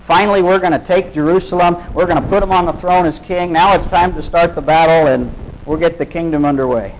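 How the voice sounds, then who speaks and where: A man's voice: a little high, steady tone, brisk, close to an everyday voice, rough recording. A man preaching, voicing an impulsive adult male disciple who protests emphatically. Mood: eager.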